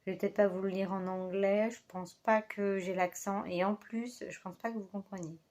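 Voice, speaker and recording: A woman's voice: mid-range voice, steady tone, normal speed, darkish tone. Chatty, hesitant woman book vlogger. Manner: hesitant, many fillers and self-corrections. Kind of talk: casual chat. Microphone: phone held in hand.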